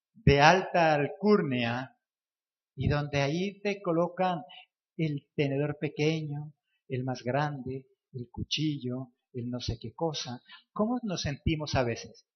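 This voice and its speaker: A man preaching a sermon, firing rhetorical questions at the congregation and repeating phrases for emphasis. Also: fairly high pitch. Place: church. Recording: echoey, dull lo-fi church recording.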